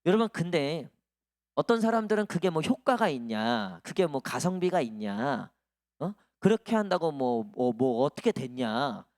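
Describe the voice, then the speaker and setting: A man's voice: on the high side, big pitch swings, unhurried, a little mellow, dry recording, studio quality. A male pastor delivering a sermon in a conversational, storytelling way to his congregation. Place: church sanctuary.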